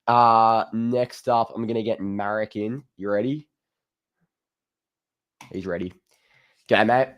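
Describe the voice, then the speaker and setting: A man's voice: lowish voice, fairly even intonation, takes it slowly, pauses often, muffled recording. An Australian man hosting a fan call-in show, chatting casually about footy in a laconic, blokey way.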